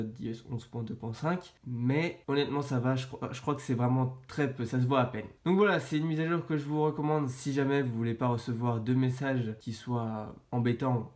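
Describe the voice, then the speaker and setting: A man's voice: medium pitch, a little mellow. A man with a French accent presenting an informal tech explainer to viewers, sounding stuffy-nosed, tired and sick with a sore throat. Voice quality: congested, stuffy nose. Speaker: tech video host.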